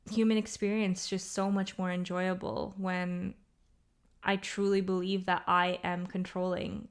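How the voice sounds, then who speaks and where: A young woman hosting her own podcast, talking casually and rambling with many fillers, a little tired. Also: medium pitch. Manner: rambling, upbeat, lots of fillers. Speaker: podcast host. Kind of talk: casual solo podcast monologue.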